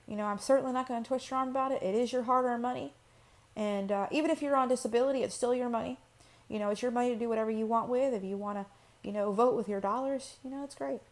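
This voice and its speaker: A woman's voice: fairly high pitch, quick pace, a little mellow. A woman hosting her own channel, talking casually and personally to camera, rambling with fillers and restarts. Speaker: channel host. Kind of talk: personal vlog talk to camera.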